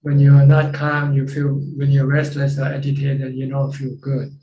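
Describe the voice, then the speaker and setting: Flat-voiced monk on a video call. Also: male voice, mid-range voice, moderate pace, slight background noise. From Thailand. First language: Thai. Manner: plain, repeats phrases while explaining. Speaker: Buddhist monk teacher. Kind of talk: dharma Q&A talk. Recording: roomy, dull video call audio.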